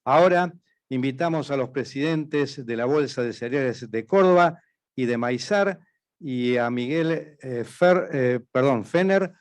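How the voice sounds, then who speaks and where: A man's voice: mid-range voice, measured pace. A man with an Argentine accent making formal announcements as master of ceremonies at an event.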